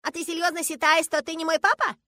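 A woman's voice: very high-pitched, steady tone, fast talker, bright, forceful tone, no room sound, clean studio sound, voice pushed up. A woman voicing a stubborn, indignant five-year-old girl who insists like a strict little teacher.

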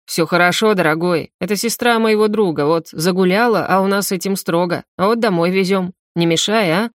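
A woman's voice: lowish voice, fairly quick, no echo, studio quality, close to an everyday voice. Woman reading a menacing bearded thug. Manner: menacing, crude. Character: big bearded threatening man, older.

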